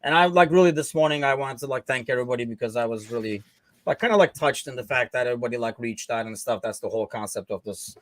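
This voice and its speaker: This Chicago-based podcast host, originally from Turkey, talks football live in a casual, rambling style packed with fillers. He speaks at a quick pace in a mid-range voice, recorded dry.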